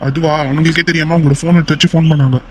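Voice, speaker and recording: A man voicing a loud, excitable young guy. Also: on the high side, very fast, slight background noise, close to an everyday voice. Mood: relieved chatter. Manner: loud, exclamatory, teasing. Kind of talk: amateur cartoon voice acting.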